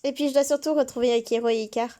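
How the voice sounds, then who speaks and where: Woman host, high voice, casual reader of game scenes. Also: steady tone, very fast, warm tone. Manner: chatty, breaks off with asides. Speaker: let's play host. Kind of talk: reading game dialogue aloud.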